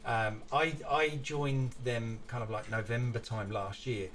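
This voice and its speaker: A man's voice: mid-range voice, fairly even intonation, a little slow, fairly bright tone, a little hiss or hum. A British man hosting a stream podcast, chatting informally and loosely with a rambling delivery. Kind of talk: casual interview chat.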